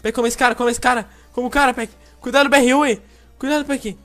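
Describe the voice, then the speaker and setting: A young man with a Brazilian Portuguese accent playing an online game with a friend, loud and excitable, yelling at the screen. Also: very high-pitched, fast, soft background music. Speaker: gamer. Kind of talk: excited co-op gameplay chatter.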